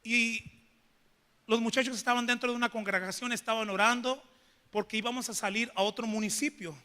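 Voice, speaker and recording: A man's voice: extremely high pitch, steady tone, fairly quick, bright, forceful tone. A man preaching a sermon in church, telling a story and putting questions to the congregation. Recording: reverberant church hall.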